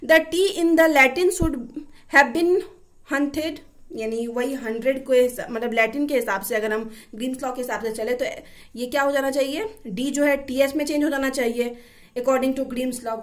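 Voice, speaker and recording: A woman teaching a linguistics lesson, reading English lines slowly and then explaining each one. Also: sits high.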